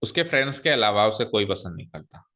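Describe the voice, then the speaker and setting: Male teacher, classroom grammar lesson, bright tone, explains and asks questions. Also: lowish voice, very animated, quick pace.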